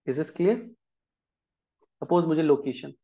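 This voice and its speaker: A man's voice: a little high, fairly even intonation, takes it slowly, dull audio. A man teaching a programming lesson in Hindi, explaining step by step and often checking whether the class follows. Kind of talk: live coding lesson.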